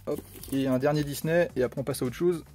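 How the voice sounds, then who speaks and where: A man's voice: fairly high pitch, fast talker, mellow, soft background music. A man casually presenting his homemade collection in a chatty, rambling way, with many fillers and restarts. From France. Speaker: steelbook collector vlogger.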